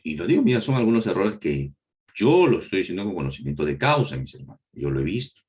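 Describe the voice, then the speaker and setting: Male Bible course teacher with a swinging, animated pitch. He quizzes the class with questions he answers himself and repeats points for emphasis. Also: fast talker, highs cut off. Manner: asks rhetorical questions and answers them himself; repeats key phrases for emphasis. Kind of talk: recorded Bible lesson.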